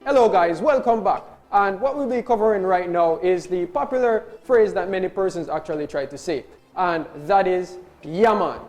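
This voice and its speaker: A man's voice: sits high, animated, normal speed, hardly any pauses, darkish tone, faint music behind. A man with a Jamaican accent giving a casual video language lesson, spelling words out letter by letter and repeating phrases. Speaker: language teacher.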